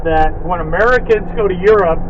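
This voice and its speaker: A fairly high-voiced man guiding a tour, chatting and explaining things in an easygoing way. The sound is a dull, lo-fi old camcorder tape, with heavy road noise from the van he drives. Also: brisk. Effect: old camcorder tape recording. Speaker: tour guide driving a van. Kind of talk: casual chat while guiding a tour. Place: inside a moving van.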